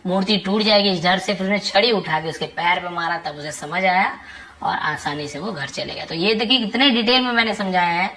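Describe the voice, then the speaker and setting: A woman's voice: on the low side, a little fast, fairly bright tone, a little hiss or hum, rough recording. Patient woman translating a story word by word. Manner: translates word by word, drawing out English phrases; explains patiently, asking herself questions. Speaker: English teacher. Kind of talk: spoken language lesson.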